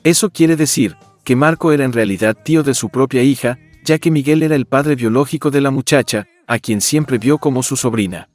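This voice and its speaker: Male narrator, medium pitch, formal scripted explainer delivery over light music. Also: brisk, few pauses, darkish tone, dry recording. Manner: formal, expository. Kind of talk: scripted documentary-style narration. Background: background music.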